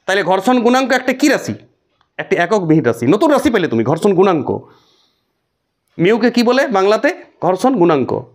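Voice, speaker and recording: A man's voice: sits high, big pitch swings, normal speed, pauses often. A man teaching a physics lesson, asking the class questions and answering them himself. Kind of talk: classroom lecture.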